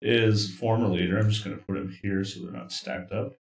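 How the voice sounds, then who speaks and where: A man narrating as game master of a tabletop role-playing session, describing kills and calling turns in a relaxed, chuckling way. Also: fairly low pitch, fairly quick, echoey room.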